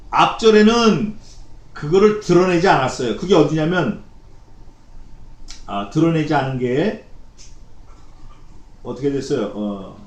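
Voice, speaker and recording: A man with a high voice preaches through a passage of scripture. He keeps putting questions to the congregation and answering them himself. His voice rings around a roomy church sanctuary. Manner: acts out the figures in quoted shouts. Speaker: pastor. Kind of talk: expository sermon.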